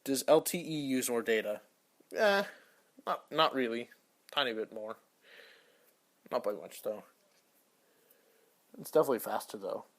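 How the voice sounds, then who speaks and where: A man's voice: medium pitch, lively intonation, a little slow, pauses often. Young male podcast host, casual and offhand, rambling solo chat, trailing delivery. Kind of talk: casual solo commentary answering search suggestions.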